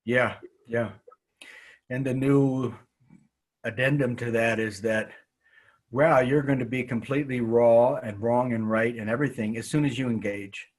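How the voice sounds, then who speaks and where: A man's voice: mid-range voice, steady tone, unhurried. A man teaching a qigong class, talking frankly and reflectively with his students. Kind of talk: group class discussion.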